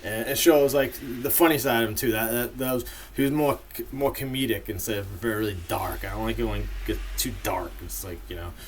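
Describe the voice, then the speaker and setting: A man with a low voice rambles through a casual monologue, packed with fillers and blunt opinions. He talks like the host of his own video, with a faint hum of room sound behind him. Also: steady tone, fairly quick. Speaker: video host ranking albums.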